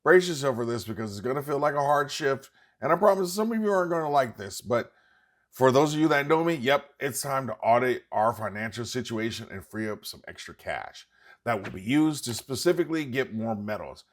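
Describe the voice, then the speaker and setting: Speaking a little fast at medium pitch, an animated man addresses viewers of his investing channel directly. His scripted commentary is emphatic and urgent, with points repeated for emphasis.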